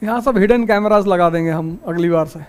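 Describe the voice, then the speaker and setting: In a high-pitched, clear, resonant voice with a darkish tone, a teacher briskly gives his class a motivational talk. He shifts from wry anecdotes to pointed rhetorical questions, and turns firm and commanding when setting his class rules.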